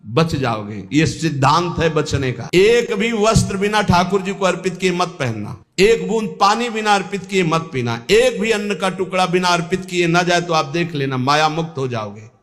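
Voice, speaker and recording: A man giving a devotional sermon as a spiritual teacher, slow and measured, with pauses and falling endings. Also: high voice, expressive, a bit bright. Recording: long hall reverb.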